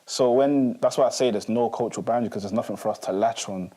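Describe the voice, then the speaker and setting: A man's voice: mid-range voice, quick pace, warm tone. A man in his twenties, co-hosting a casual discussion and thinking aloud in a reflective, rambling way. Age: 20s. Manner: reflective, rambling with many fillers. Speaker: podcast co-host.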